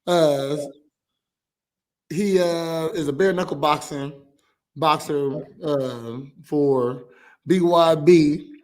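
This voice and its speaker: A man's voice: on the high side, very slow, long pauses, darkish tone. Rambling man hosting a podcast. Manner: rambling, many filler sounds and restarts. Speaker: podcast host. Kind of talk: casual podcast chat.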